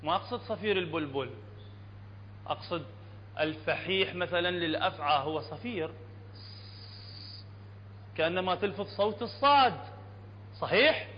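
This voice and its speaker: A man with an Iraqi Arabic accent teaching Quran recitation, explaining letter sounds and often asking if it is clear. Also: high voice, animated. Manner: explanatory, checks understanding often, demonstrates sounds slowly. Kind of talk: classroom lesson on tajweed. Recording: dull lo-fi recording with long hall reverb and faint hum.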